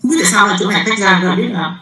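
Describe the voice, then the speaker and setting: In a low-quality, roomy-sounding recording, a male physics lecturer at a university stumbles along with lots of fillers and repetitions, often checking whether students follow. He has a high, sharp-toned voice.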